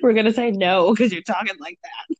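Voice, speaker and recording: A woman's voice: mid-range voice, fairly quick, no echo, muffled recording. A young adult woman co-hosting a podcast, laid-back and teasing, with lots of fillers. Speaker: podcast co-host. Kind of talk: casual chat.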